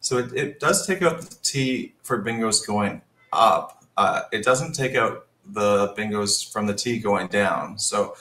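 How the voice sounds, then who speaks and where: Male game commentator, low-pitched, analytical, thinks aloud, roomy echoey sound. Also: measured pace, few pauses, sharp tone. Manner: analytical, thinks aloud while reading the board. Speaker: Scrabble commentator.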